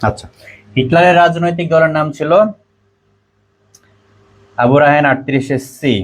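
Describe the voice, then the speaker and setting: A man from Bangladesh, an admission test tutor, teaches a class online in a fairly high, steady voice at a moderate pace. He repeats each quiz question with its answer options and reads out the students' answers.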